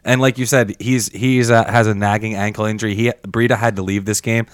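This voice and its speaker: A man's voice: on the low side, level tone, a little fast, clean tone, dry recording, clean studio sound. A man co-hosting a fantasy football podcast, giving blunt opinions in casual chat. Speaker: podcast co-host.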